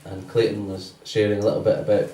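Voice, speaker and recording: Low mellow man giving church notices. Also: monotone, quick pace. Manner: loose and conversational, many fillers. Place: church hall. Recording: roomy church sound from a distance.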